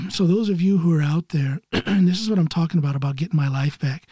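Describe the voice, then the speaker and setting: A man in his early fifties from Ohio, hosting a solo podcast while recovering from neck surgery, talking haltingly and clearing his throat often. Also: a little high, mellow, dry recording, studio quality. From Ohio, USA. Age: 50s. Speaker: podcast host. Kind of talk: casual solo podcast monologue.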